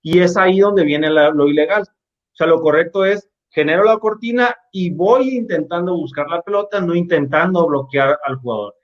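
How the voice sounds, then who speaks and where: A man's voice: a little high, moderate pace. Man explaining referee rules on a call. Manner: explanatory, with fillers and restarts. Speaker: basketball referee panelist. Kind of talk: explaining game rules in a webinar. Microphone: video call. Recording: dull lo-fi call audio.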